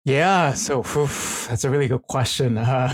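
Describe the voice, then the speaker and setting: An esports consultant and professor, middle-aged and from South Korea, talks as an interview guest with a Korean accent. His medium-pitched voice is husky and animated yet a little slow, and he chats informally, rambling and hesitant, in a casual conversational interview.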